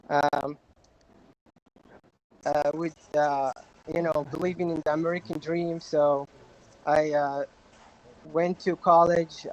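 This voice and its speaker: A young man from Morocco introducing himself on a livestream, hesitant with many pauses. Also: a little high, darkish tone, a little hiss or hum, rough recording. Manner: hesitant, many fillers and restarts. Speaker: livestream guest. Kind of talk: casual self-introduction.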